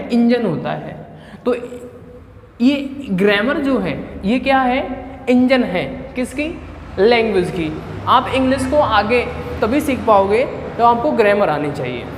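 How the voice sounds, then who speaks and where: A male teacher gives a patient classroom-style grammar lesson, asking himself questions and answering each one with the key word dropped low. He repeats points and spells words out letter by letter. His voice rings in a roomy space with a long reverb tail and faint noise behind it. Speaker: English teacher.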